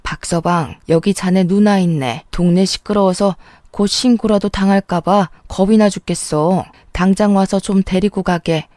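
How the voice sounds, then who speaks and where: A woman's voice: medium pitch, fairly even intonation, normal speed, hardly any pauses, warm tone, dry recording, studio quality, lightly acted. A woman voicing a worried older mother urgently phoning her son-in-law, in a narrated story. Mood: anxious. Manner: anxious, urgent.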